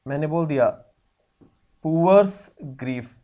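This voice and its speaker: A man teaching grammar in an online lesson, explaining slowly, repeating key phrases and addressing the students warmly. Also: fairly high pitch.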